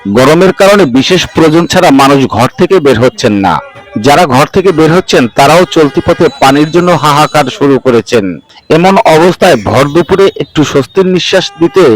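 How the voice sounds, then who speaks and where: Higher-voiced man reading news. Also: a little fast, soft background music, low-quality recording. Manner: formal reading. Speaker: news reporter narrator. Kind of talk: scripted news narration.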